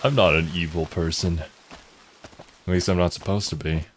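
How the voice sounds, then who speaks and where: Young male let's player: deep voice, casual, amused, thinking aloud, faint noise behind him. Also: fairly even intonation, normal speed. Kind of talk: casual game commentary.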